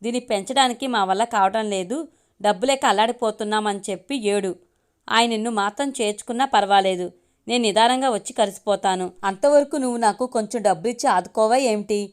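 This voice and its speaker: A woman's voice: mid-range voice, fairly quick, smooth, lightly acted. A woman reading the lines of a harsh, greedy young husband in a storybook reading, speaking scornfully and demanding money.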